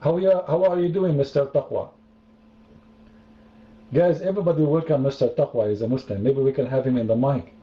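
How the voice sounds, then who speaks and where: A man's voice: medium pitch, steady tone, a little fast, pauses often. A man hosting an online debate room, talking in a sarcastic, mocking way and repeating phrases for effect. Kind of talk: mocking religious debate talk. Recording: roomy, dull online voice chat.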